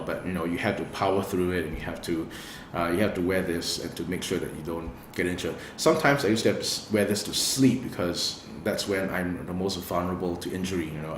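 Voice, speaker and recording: A man's voice: sits low, a little hiss or hum. A man in his thirties, a worship guitarist, talking casually and earnestly to his viewers with frequent fillers. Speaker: worship guitarist and video host. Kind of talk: casual talk to camera. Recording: echoey room with faint ambience.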